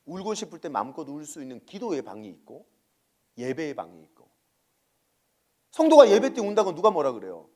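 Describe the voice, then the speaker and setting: High, animated male pastor preaching. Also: fairly quick, long pauses. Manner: lively preaching, asks the congregation questions. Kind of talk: sermon. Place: church worship service.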